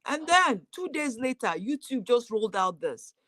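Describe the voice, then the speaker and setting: A woman joining a casual livestream chat over a remote call, talking in a lively, chatty way and laughing often. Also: on the high side, normal speed, dry recording. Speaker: guest YouTuber.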